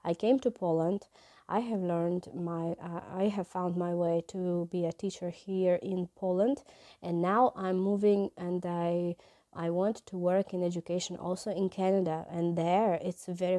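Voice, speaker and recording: Hesitant, mellow-voiced woman from Ukraine. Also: on the low side. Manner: hesitant, many fillers and restarts. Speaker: English teacher and vlogger. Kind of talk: casual vlog talk.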